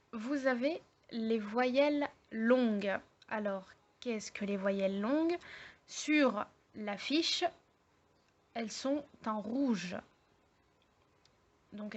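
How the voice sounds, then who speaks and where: A woman teaching an online language lesson, explaining slowly step by step with many hesitations and fillers. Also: on the high side, muffled recording. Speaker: Arabic teacher.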